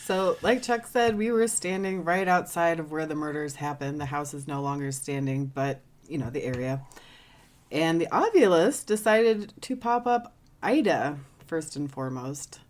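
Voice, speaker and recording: Female guest, lowish voice, upbeat storyteller in a relaxed chat. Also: normal speed. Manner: lively storyteller, laughs easily. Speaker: history tour guest. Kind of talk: casual podcast chat.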